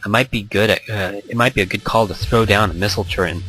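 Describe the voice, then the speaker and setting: This fairly low-pitched man reads quickly from a visual novel, bright and pushed in tone, occasionally tripping over words and going back to reread them between offhand comments. Music plays beneath him in a low-quality recording.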